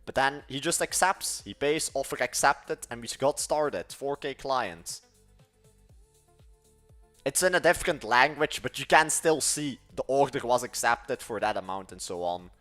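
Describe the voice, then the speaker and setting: A young Dutch-accented man hosts a livestream, chatting casually and rambling, often correcting himself mid-thought. His mid-range voice is fairly bright, with lively intonation and a measured pace, and soft music plays behind him.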